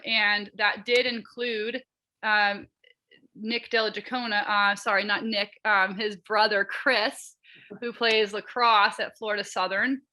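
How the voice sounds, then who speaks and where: A woman's voice: mid-range voice, sharp tone. A woman co-hosting an online school panel, casual and chatty with many fillers. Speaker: college counseling assistant director, co-host.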